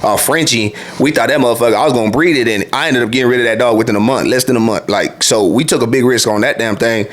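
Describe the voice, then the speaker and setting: A man's voice: medium pitch, fast talker, hardly any pauses. Profane laid-back guy in his late twenties. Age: 20s. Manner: loose and profane, peppered with "you feel me". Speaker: former truck driver and host. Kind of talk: casual storytelling monologue.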